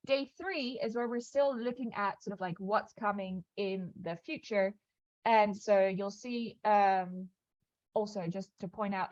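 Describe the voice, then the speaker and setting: A woman walking a new cohort through a program schedule on an online call, talking quickly with frequent fillers and restarts. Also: mid-range voice, no echo, dull audio. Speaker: program staff presenting onboarding. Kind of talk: online onboarding call walkthrough. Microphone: video call.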